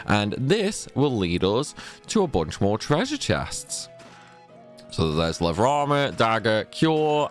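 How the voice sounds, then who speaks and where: A man talking through a game walkthrough in a chatty, rambling way, often correcting himself, and fighting off a sneezing fit. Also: lowish voice. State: sneezy, stuffy from a cold. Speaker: gaming guide creator. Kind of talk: casual game walkthrough commentary.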